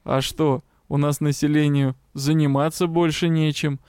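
Man reading a sly, soft-spoken mage lord. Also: a little high, level tone, moderate pace, smooth, no echo, clean studio sound, lightly acted. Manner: soft, innocent-sounding, cunning tone. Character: sly noble mage lord posing as a commoner. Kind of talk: audiobook character voice.

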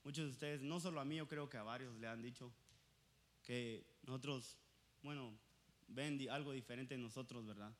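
A young man preaching a passionate sermon with personal testimony, moving between loud exhortation and quiet confession and slipping English words into his Spanish. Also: mid-range voice, moderate pace.

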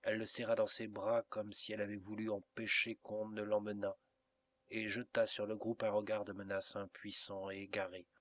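A low-pitched man narrates a classic novel in a measured, even reading. The sound is dry and close, with no room echo. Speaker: audiobook reader. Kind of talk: literary narration.

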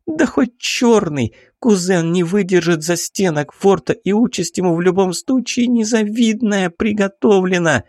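A man reading an audiobook, voicing a headstrong, passionate young baroness with imperious, drawn-out exclamations. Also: sits high, a little mellow, dry recording, clean studio sound, voice pushed up. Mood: indignant.

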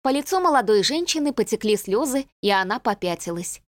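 A woman narrating an audiobook in a measured, even reading. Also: fairly high pitch, no echo. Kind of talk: scripted narration.

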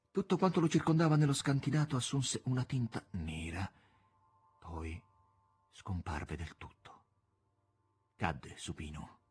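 A man narrating a novel in a theatrical, dramatic style, swinging from hushed whispers to loud passages. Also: fairly low pitch, slightly rough. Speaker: audiobook narrator.

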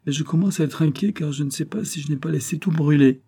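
A man's voice: fairly low pitch, brisk, warm tone, close to an everyday voice. A man reading the part of a courteous, good-humored young colonel in an audiobook. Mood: genial.

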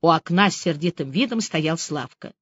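A woman narrating a story in the first person, reading in a lively, expressive way. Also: deep voice, normal speed, slightly rough, no echo. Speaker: audiobook narrator. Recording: dry, slightly dull audiobook recording.

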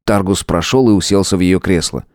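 Мужчина с очень низким голосом ровно и размеренно читает аудиокнигу. Запись сухая, без отзвука помещения. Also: male voice, low-pitched, no room sound, studio quality. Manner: steady, measured reading. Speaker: audiobook narrator. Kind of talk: scripted narration.

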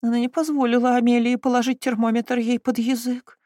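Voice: medium pitch, fairly even intonation, a little fast, darkish tone, no echo, clean studio sound, voice pushed up, close to an everyday voice. A reader voicing an anxious female cousin who moans and whimpers her worries in an audiobook. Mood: whiny. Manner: moaning, whimpering. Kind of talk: audiobook reading.

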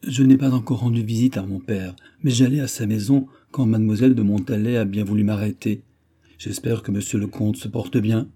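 A courteous young nobleman, polite and a little ill at ease, read by a man close to his own voice. The voice is low, dark and husky. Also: fairly even intonation, brisk. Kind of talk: audiobook reading.

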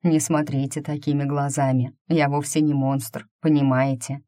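A woman voicing a middle-aged male burgomaster who speaks calmly and reproachfully to his captive. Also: deep voice, moderate pace, dry recording, clean studio sound, natural voice. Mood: coaxing. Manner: calm, coaxing, reproachful.

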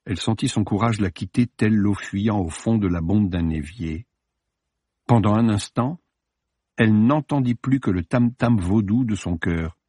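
A man reading a novel aloud in a low, somewhat husky voice. His delivery is measured and steady, and the sound is dry and close. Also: no echo. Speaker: audiobook narrator. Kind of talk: scripted narration of a novel.

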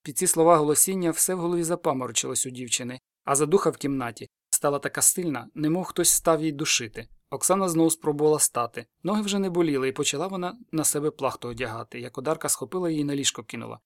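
A man reading a dark folk tale aloud as an audiobook narrator, with a steady, brisk storytelling delivery. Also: fairly high pitch, no echo, studio quality.

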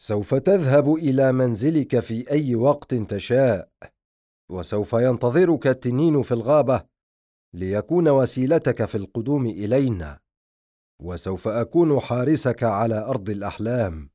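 A man voicing a wise, commanding lion in an audiobook story, speaking in solemn, measured tones. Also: medium pitch, lively intonation, dark tone, dry recording, clean studio sound, lightly acted. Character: wise commanding lion, guardian of dream land.

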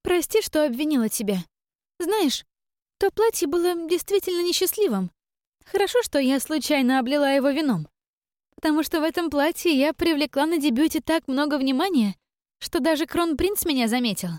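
A woman's voice: sits high, animated, moderate pace, darkish tone, dry recording, studio quality, pitched above the performer's own voice. A woman putting on a sugary, sing-song scheming sister. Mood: gloating. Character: cunning young woman, sly scheming sister.

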